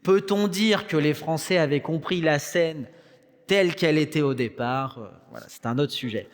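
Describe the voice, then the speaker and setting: A man's voice: fairly high pitch, normal speed. A young man with a French accent preaching a sermon in a conversational way, with joking asides. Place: church hall. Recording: long church reverb.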